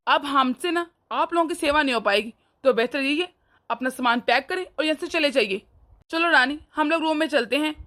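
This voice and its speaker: Woman playing the husband in a cartoon, highish bright voice, sweet to the wife, cold and bossy with his parents. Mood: dismissive. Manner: firm, dismissive, coaxing. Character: young husband, doting to wife, harsh to parents. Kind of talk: animated family drama dub.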